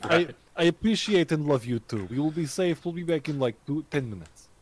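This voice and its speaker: A man's voice: a little high, expressive, fairly quick, darkish tone. A man playing a tabletop game, making wry, teasing remarks at the table. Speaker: player. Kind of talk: casual tabletop game banter.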